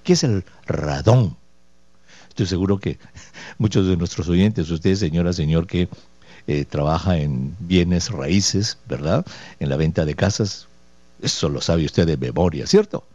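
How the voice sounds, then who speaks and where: A man's voice: deep voice, unhurried, dark tone, dry recording. A man hosting a radio health show as a doctor, explaining listeners' questions patiently with rhetorical questions and folksy diminutives. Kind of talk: radio health call-in advice. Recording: dull, dry lo-fi radio studio audio.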